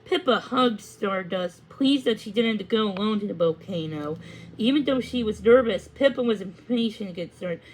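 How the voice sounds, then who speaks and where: A woman with a mid-range, expressive voice reads a children's story aloud at a moderate pace, acting out the dialogue. She stumbles over words now and then and goes back to reread them. The recording is rough.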